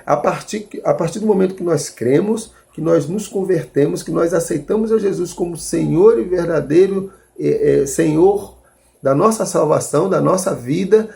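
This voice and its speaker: A man's voice: fairly high pitch, vocal fry, warm tone. A man preaching a sermon, reading scripture and explaining it in an earnest way, calling his listeners brothers and restarting as he reasons aloud.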